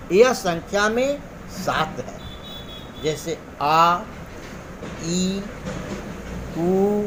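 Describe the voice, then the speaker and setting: A man teaching a grammar lesson, explaining slowly and deliberately and drawing out each example sound. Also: high voice, a bit bright, slight background noise. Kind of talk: classroom lesson.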